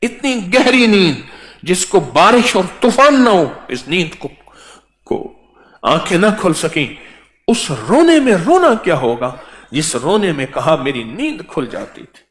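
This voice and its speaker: A man preaching a sermon, chanting verses and then explaining them slowly. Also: fairly high pitch, big pitch swings, a bit bright. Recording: echoey hall with long reverb.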